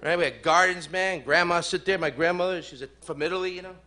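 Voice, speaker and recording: A fast-talking man with a high voice does stand-up in a comedy club, loud-mouthed and profane as he ribs the crowd. The set is recorded live, room noise and all.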